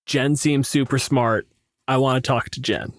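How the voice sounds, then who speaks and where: With clean studio sound and no room tone, a young Canadian podcast co-host and game master talks at a moderate pace in a fairly even, mid-range voice. He's casual, self-mocking and profane, relaying stories through quoted asides.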